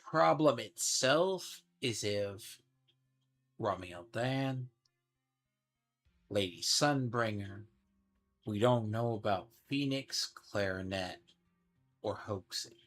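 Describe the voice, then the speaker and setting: A man's voice: fairly low pitch, expressive, takes it slowly, pauses often, fairly bright tone. A man giving casual game commentary, rambling and thinking aloud as he speculates. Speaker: gaming streamer. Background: game music.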